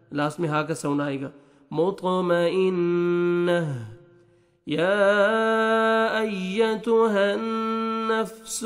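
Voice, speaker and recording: A high-voiced man teaches Quran recitation, moving between quick explanations and slow chanted verses. A long reverb trails each phrase, so the voice sounds like it is ringing through a big room. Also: gravelly. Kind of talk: recitation lesson, spelling out letters and vowel marks.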